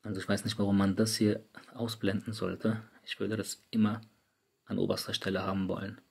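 Gravelly-voiced man explaining phone settings. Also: on the low side, flat delivery, fairly quick, a little mellow. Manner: casual, chatty, addresses viewers directly. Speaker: tech YouTuber. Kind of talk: screen-recorded app tutorial. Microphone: studio microphone.

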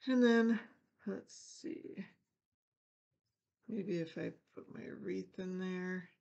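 The audio is dull as an older woman, hosting a relaxed crafting video from a fixed camera above her craft table, talks slowly in a fairly low, slightly mellow voice with vocal fry. She chats, thinks aloud while she works and makes self-deprecating jokes.

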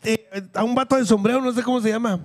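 A man's voice: very high voice, fairly even intonation, fast talker. A man telling vulgar, rowdy stories on a comedy podcast. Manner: vulgar, rowdy storytelling with mimicked voices. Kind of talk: crude comedy podcast chat.

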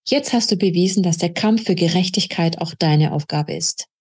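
A woman reading the lines of a calm, fatherly male official who speaks kindly and gently admonishes, in a husky voice. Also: on the low side, moderate pace.

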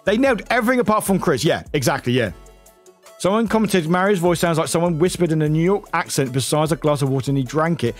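A streamer reacting to a trailer live, excitable and scattered, swearing freely and interrupting himself. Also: male voice, fairly high pitch, fast talker, faint music behind.

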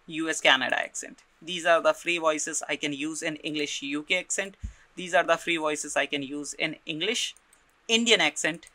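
Step by step, a man presents a software tutorial, frequently stopping to check in and repeating himself as he goes. He has a somewhat high, piercing voice. The audio is close and dry, free of any room sound.

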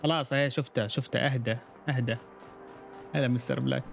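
A man's voice: mid-range voice, fairly even intonation, quick pace, vocal fry, soft background music. A man streaming a game, chatting and reacting aloud and greeting viewers by name. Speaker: gaming streamer. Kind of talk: casual gameplay commentary.

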